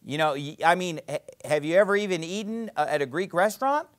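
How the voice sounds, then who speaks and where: A pastor preaches a sermon in church, emphatic and fairly quick, with lively intonation. His delivery swings between loud peaks and low drops, punctuated by sarcastic asides.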